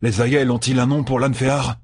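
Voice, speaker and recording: A man voicing a wary, blunt young man who talks in a gruff, direct way in an audiobook. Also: mid-range voice, flat delivery, normal speed, no room sound, studio quality, voice pushed up. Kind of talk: audiobook character voice.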